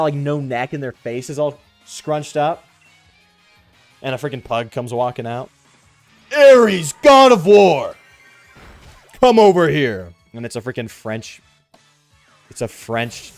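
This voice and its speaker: This game streamer has a mid-range voice and a dry recording on a close mic. He chats casually over gameplay in frat-bro style, full of "bro" and "dude," while music plays behind him.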